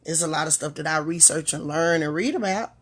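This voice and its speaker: Hosting her own show, a woman speaks in a husky voice that sits low. Her motivational monologue is reflective and unhurried, full of pauses and a steady stream of rhetorical questions aimed at the listener.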